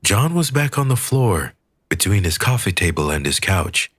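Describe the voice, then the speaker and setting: A man narrating an audiobook with a very deep, husky voice, measured and expressive, with lively rises and falls. The sound is close and dry. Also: no echo. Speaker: audiobook reader.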